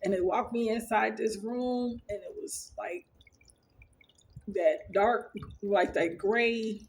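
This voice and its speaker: A woman's voice: fairly high pitch, takes it slowly, darkish tone. A woman vlogger casually telling a story to the camera, rambling, earnest, and full of fillers and restarts. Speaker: vlogger sharing her dreams.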